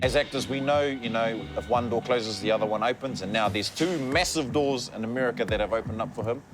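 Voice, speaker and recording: A man's voice: medium pitch, a little fast. A man, an actor speaking casually in an interview. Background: music.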